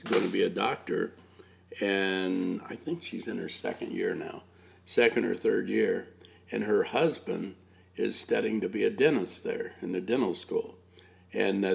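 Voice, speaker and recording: Casual and conversational, this older host conducts an interview in a deep, gravelly voice. He tends to repeat himself and mixes Spanish words into his English.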